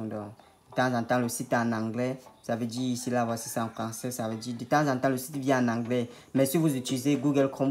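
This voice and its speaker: A man explaining a computer tutorial step by step over a screen recording. He talks patiently and repeats steps to make them clear. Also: medium pitch, darkish tone. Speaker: online tutorial host.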